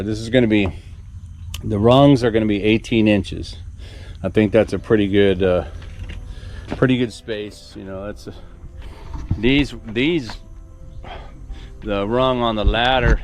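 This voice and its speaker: A man's voice: lowish voice, a little mellow. A man in his sixties casually thinking aloud as he plans a build on his farm, rambling with many restarts. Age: 60s. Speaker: farm vlogger. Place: outdoor construction site on a farm.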